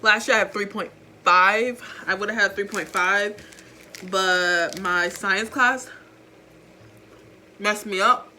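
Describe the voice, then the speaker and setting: A woman's voice: mid-range voice, steady tone, takes it slowly, long pauses, pushed and bright, slight background noise. A teenage girl vlogging about her school credits and grades in a rambling, chatty, self-mocking way. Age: teens. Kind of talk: casual chat. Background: faint background music.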